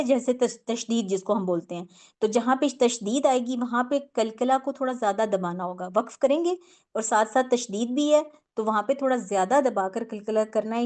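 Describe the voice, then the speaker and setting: A woman's voice: a little high, a little mellow. A woman teaching a tajweed lesson on Quran recitation, explaining patiently step by step with many fillers and English words mixed in.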